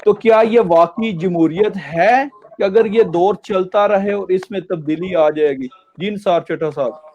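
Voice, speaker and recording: A man's voice: sits high, measured pace, darkish tone. A man hosting a talk show, asking a guest long formal questions over a call while his voice keeps cutting out on a bad connection. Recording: muffled lo-fi call audio with faint hiss.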